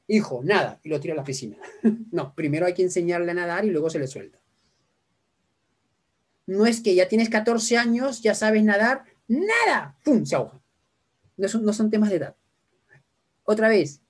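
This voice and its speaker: A woman giving an informal lecture to parents at a school workshop, talking conversationally, often checking in with tag questions and acting out little dialogues. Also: lowish voice. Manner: animated, acts out quick back-and-forth dialogues.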